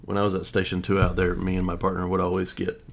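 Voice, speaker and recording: A man's voice: low-pitched, completely flat delivery, fast talker, gravelly, slight background noise. A man chatting casually as co-host of a sports podcast, in loose conversational banter.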